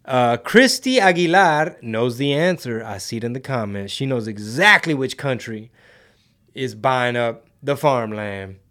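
A man's voice: mid-range voice, lively intonation, unhurried, sharp tone. A man hosting a casual live commentary show, talking in slangy, conversational phrases to his viewers.

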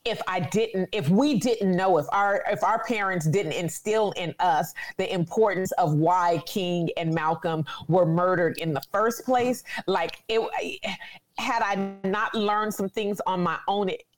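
Reflective woman, 40s, kinda low voice, talks in quick bursts. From Sacramento, California. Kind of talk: conversational interview.

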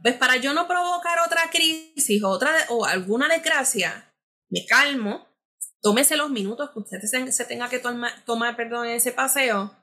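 A woman's voice: fairly high pitch, normal speed, pushed and bright. A woman who is a podcast guest giving earnest advice, addressing the listener directly and acting out bits of inner dialogue.

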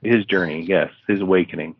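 A man with a very low voice talks casually as an interview guest, restarting sentences and filling pauses. The sound is dry and narrow, like a phone call. He tells a story at an easygoing pace. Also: fairly even intonation, slightly rough, no echo. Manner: rambling with many fillers and restarts, acting out dialogue. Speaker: author guest.

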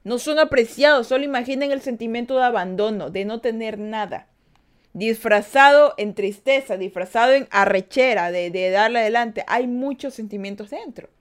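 A woman's voice: on the high side, normal speed. A woman hosting an advice podcast, speaking earnestly, asking rhetorical questions and repeating phrases for emphasis. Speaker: podcast host.

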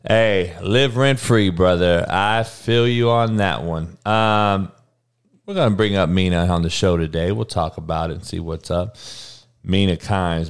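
Clean-toned and medium in pitch, this forties-aged podcast host runs a casual livestream. His talk is profane and meandering as he addresses the chat directly.

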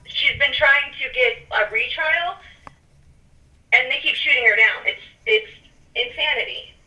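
A woman calling in on speakerphone from her car, chatting casually and quickly as a podcast guest. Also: high-pitched, pushed and bright, recorded from a distance, rough recording. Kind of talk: casual chat.

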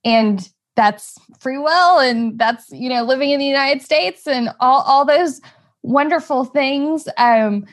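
A high-pitched woman co-hosting a casual podcast chat. She thinks out loud, pausing and restarting as she works through her thoughts. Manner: hesitant, reflective, many fillers. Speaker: podcast co-host, fertility doctor.

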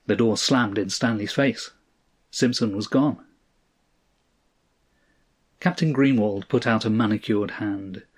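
A man narrating a story in a measured, even storytelling delivery. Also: medium pitch. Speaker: audiobook narrator.

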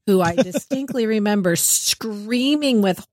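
A woman chats as a podcast co-host, in a middle-pitched voice. She is animated and laughs often. The recording is dry and close. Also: measured pace, dry recording. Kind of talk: casual chat.

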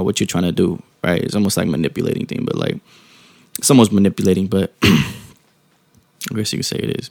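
In a casual, reflective monologue, a man with a low, mellow, soft-spoken and gravelly voice thinks aloud calmly. He rephrases haltingly, uses informal slang, and keeps checking in with the listener through frequent tag questions. The recording is dry.

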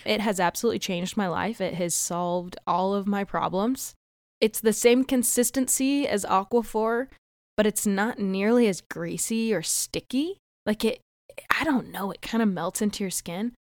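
A young woman podcast host, chatty and rambling, stuffy nose, clean smooth voice, dry close sound. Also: medium pitch, normal speed, no echo. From United States. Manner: chatty, rambling, self-laughing. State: winded and a little stuffy. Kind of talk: casual solo podcast chat.

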